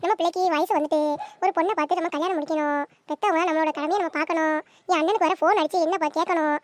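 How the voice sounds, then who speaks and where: A woman voicing a bossy, domineering middle-aged mother in a cartoon, who talks quickly and scolds. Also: very high voice, steady tone, slight background noise, pitched below the performer's own voice. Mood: eager.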